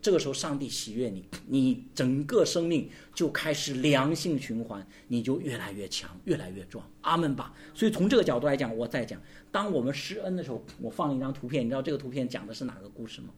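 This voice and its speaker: A man's voice: mid-range voice, animated, fast talker, hardly any pauses. A man preaching a sermon as pastor, calling for responses and asking his listeners rhetorical questions.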